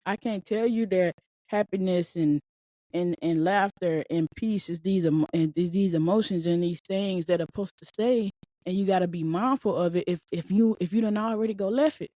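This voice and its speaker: A woman in her late twenties with a medium-pitched, dark voice hosts a solo podcast with no room sound. She talks casually and emphatically, repeating herself a lot, much like a motivational pep talk.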